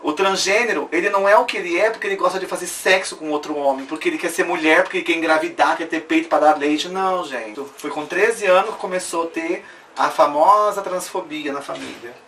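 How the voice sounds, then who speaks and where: A woman's voice: on the low side, brisk, fairly bright tone, slight background noise. A woman tells her life story in an interview, earnest and emotional, often checking in with tag questions. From Brazil. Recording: distant mic with faint room ambience.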